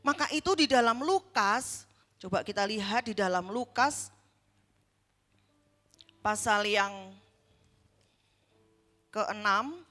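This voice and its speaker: A woman with an Indonesian accent, preaching a sermon in a church and asking the congregation questions, with slow emphatic stresses. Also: medium pitch, expressive, a bit bright, big-room sound, faint music behind. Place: church hall.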